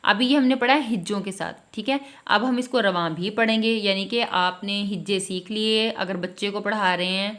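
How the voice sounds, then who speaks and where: A woman teaching a Quran reading lesson from a primer, sounding out letters slowly and syllable by syllable, then explaining patiently and often checking that the listener is following. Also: mid-range voice, a bit bright. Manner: repeats a reassuring "theek hai" to check understanding.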